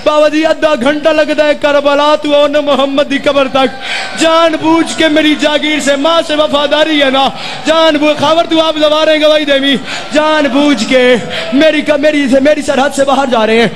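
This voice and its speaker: A male reciter delivers a Muharram majlis elegy in an extremely high voice. He is impassioned throughout and often shouts his lament. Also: level tone. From Pakistan.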